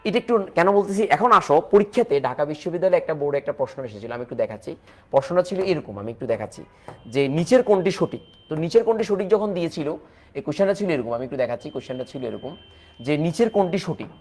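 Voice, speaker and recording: A man teaching chemistry in a live online lecture, repeating points, mixing in English terms and urging students to reply quickly. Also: a little high, lively intonation, darkish tone. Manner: repetitive, coaxing, mixes English terms into explanations.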